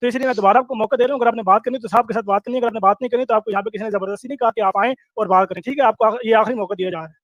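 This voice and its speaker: A man hosting a heated live-stream debate rattles off firm rules at a very fast pace, in a very high voice. His audio is dull and lo-fi, with a dry, close sound. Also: no room sound. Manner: firm, laying down rules, repeats himself.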